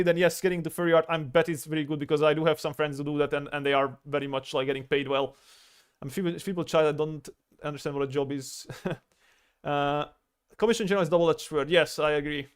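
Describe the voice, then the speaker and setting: A man's voice: fairly high pitch, clear, resonant tone. A man livestreaming as an artist, chatting casually while he draws, rambling, stammering and swearing freely. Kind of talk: casual chat while drawing on stream.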